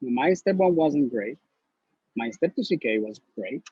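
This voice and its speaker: A man's voice: medium pitch, animated, measured pace, warm tone, slightly rough, dry recording. A man, speaking earnestly and bluntly as an interview guest over a video call, often repeating words. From Honduras. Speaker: interview guest, newly matched neurology resident. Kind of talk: casual interview, giving advice. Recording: slightly dull lo-fi recording.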